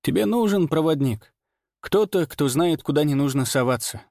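A man reading aloud and voicing an earnest, worried older mentor who speaks in measured, pleading tones. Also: a little high, expressive, gravelly, dark tone, no echo, clean studio sound, pitched above the performer's own voice. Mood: urging.

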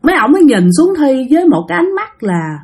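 A woman's voice: high-pitched, sing-song, quick pace, a little mellow. A woman telling a spooky story in a casual, chatty way, speaking straight to her listeners. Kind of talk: casual spoken ghost story.

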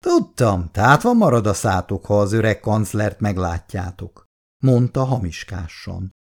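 A man's voice: lowish voice, very animated. A man voicing a jovial, roguish old family friend who teases and grumbles reproachfully. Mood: jovial teasing.

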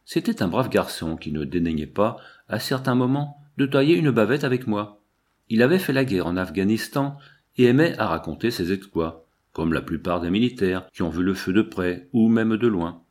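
A man reads a first-person novel aloud in a measured, expressive way. His voice sits on the low side. The delivery is steady literary narration. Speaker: audiobook narrator.

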